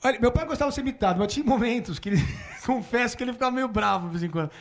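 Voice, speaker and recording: Lively high-voiced Brazilian man. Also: racing. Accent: Brazilian Portuguese. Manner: animated, laughs often, quotes his father. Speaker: guest. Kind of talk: casual storytelling. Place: small room before a small audience.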